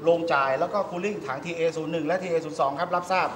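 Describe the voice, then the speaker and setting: A man's voice: on the high side, steady tone, very fast. A man on a walkie-talkie in an emergency drill, reading orders back in clipped radio protocol. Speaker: maintenance unit member in an emergency drill. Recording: echoey room with loud background noise.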